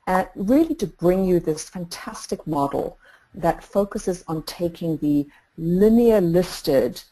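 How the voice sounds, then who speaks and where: A middle-aged woman from England, a coach introducing a webinar, talking in a measured way with frequent fillers and restarts. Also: fairly low pitch, lively intonation, mellow, rough recording. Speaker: executive coach and webinar co-host.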